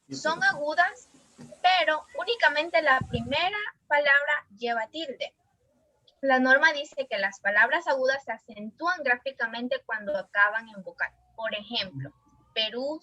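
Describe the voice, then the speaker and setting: Bright high-voiced woman reading a presentation. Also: a little slow, dry recording, rough recording. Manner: clear, steady reading of examples. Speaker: student presenter.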